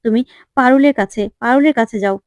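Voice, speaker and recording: A woman's voice: a little high, fairly quick, dry recording, natural voice. A woman voicing a kind sister-in-law who coaxes and gives advice. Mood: coaxing. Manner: coaxing, advising.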